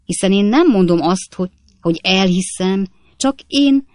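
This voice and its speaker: A woman's voice: on the low side, lively intonation, a little mellow, dry recording, clean studio sound. A woman voicing a timid, henpecked husband who pleads humbly with his wife. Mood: pleading.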